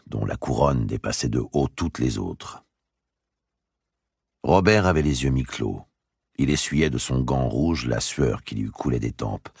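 Very deep, gravelly male narrator. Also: no echo, studio quality. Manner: expressive, dramatic storytelling. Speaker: audiobook narrator. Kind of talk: literary narration.

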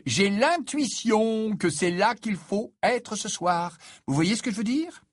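A man's voice: sits high, animated, slow, no echo, clean studio sound, pitched above the performer's own voice, exaggerated voice. A man doing a dreamy, overconfident teenage boy. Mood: elated.

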